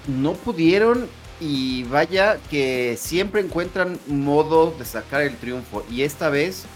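A man giving analytical sports commentary in a talk show, phrasing his points deliberately. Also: on the high side, animated, faint music behind.

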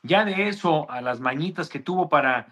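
Mexican male sports host, slangy opinionated talk, bright tense voice, somewhat high pitch. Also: expressive, moderate pace. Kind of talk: sports commentary.

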